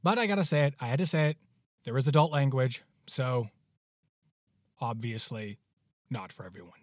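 A podcast host opens with an enthusiastic introduction, effusive and emphatic, repeating words for effect. His mid-range voice moves at a moderate pace, recorded in clean studio sound with no room echo.

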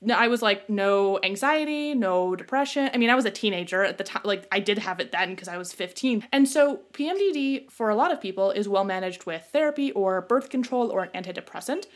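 A young woman therapist talking casually and openly, with plenty of filler words. She switches into other voices when she retells conversations. Her voice sits at an ordinary middle pitch. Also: brisk, few pauses. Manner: animated, acts out quoted voices. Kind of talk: casual chat.

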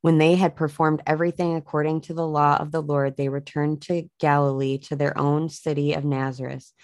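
A woman with a low, grounded voice reads Bible passages aloud as a show host. Between passages she speaks earnestly, pausing and filling gaps with "um" and "you know." The recording is close and dry. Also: level tone, darkish tone, dry recording. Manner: earnest, halting with fillers when speaking off the cuff. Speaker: podcast host reading scripture. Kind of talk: Bible reading with informal reflection.

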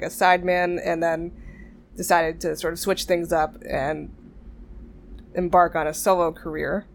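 A woman hosting a music podcast, chatting casually between songs with frequent laughs and asides. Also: on the low side. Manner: chatty, warm asides, laughs often, restarts.

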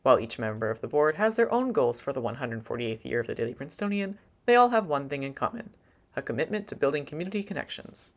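A young man hosting a student news podcast, reading a scripted narration in a lively announcer style. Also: mid-range voice, fast talker, no echo. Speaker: podcast host.

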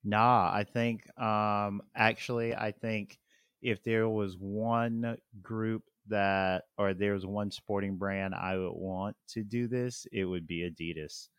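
A man co-hosting a podcast in casual chat, unhurried and rambling with many fillers. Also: on the low side, steady tone, fairly bright tone, clean tone, dry recording, clean studio sound. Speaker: podcast co-host.

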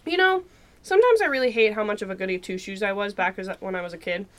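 A woman hosting a casual podcast, energetic and rambling, swearing casually as she chats. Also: mid-range voice, fast. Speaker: podcast co-host. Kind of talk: casual chat.

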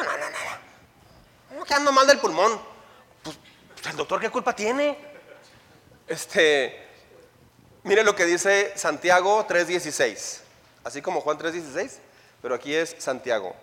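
A pastor delivers a sermon in a fairly high male voice. He preaches in a lively way, poses rhetorical questions, and trips over and repeats words as he goes. His voice rings out with a long reverb from the church hall. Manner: frequent stumbles and repeated words.

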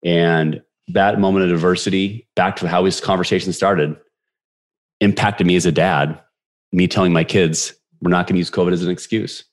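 A man in his forties, appearing as a podcast guest, tells personal stories in a very low, deep voice. He is brisk and animated, acting out the dialogue he quotes.

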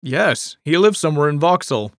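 A man's voice: on the high side, expressive, moderate pace, no room sound, studio quality, voice pushed up. A man voicing a secretive, defensive middle-aged man, answering in short, evasive replies. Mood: guarded. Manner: terse, evasive.

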